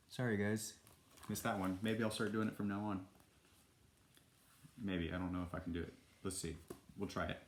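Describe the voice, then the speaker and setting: Male storybook reader, lowish voice, casual asides, echoey room. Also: a little hiss or hum. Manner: casual, self-deprecating asides. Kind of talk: reading a children's book aloud with casual asides.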